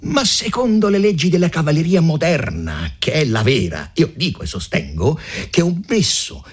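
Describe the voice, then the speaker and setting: A man doing a shouting arrogant young count. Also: high-pitched, husky, voice pushed up, exaggerated voice. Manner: shouting, scornful. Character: arrogant young nobleman, hot-headed and mocking.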